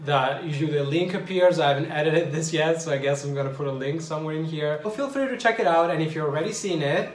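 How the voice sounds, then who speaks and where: Man hosting a chat show, joking and opinionated, fairly high pitch, roomy sound with faint music. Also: fast talker, few pauses. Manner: joking, opinionated, restarts sentences. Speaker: podcast host. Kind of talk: casual chat.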